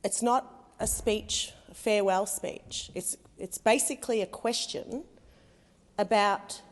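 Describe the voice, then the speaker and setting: An Australian woman speaks slowly as a senator objecting in debate. Her phrasing is short, pointed and insistent. Long reverb places her in a large chamber. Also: medium pitch. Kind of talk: raising objections in parliamentary debate.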